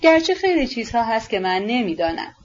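A woman's voice: on the high side, very animated, slight background noise. A woman voicing a shy, earnest young man who speaks timidly and sincerely, in a storybook reading on a dull recording.

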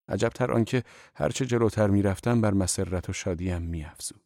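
Deep-voiced man narrating an audiobook. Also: dark tone, no echo, studio quality. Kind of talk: scripted literary narration.

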